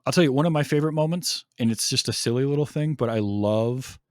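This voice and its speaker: A man with a medium-pitched voice talks fast in a clean, echo-free studio recording. Hosting a podcast, he chats casually and enthusiastically about a film, dropping in plenty of ums.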